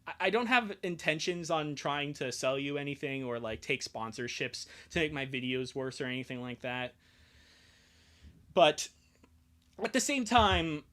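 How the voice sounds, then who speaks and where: A young adult man streams live, chatting casually in a rambling, self-deprecating and profane way. His voice is a little high and a bit bright.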